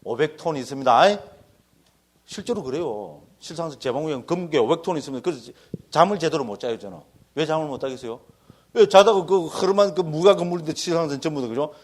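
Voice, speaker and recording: A man's voice: a little high, animated, fast, darkish tone. A Korean Buddhist monk giving a dharma lecture, folksy and joking, constantly checking in with his listeners.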